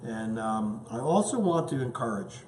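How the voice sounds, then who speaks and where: A man's voice: medium pitch, very animated, normal speed, darkish tone, echoey room, slight background noise. A man hosting a casual home cooking show, chatting eagerly as he tastes his dish. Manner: enthusiastic, chatty, tasting food as he talks.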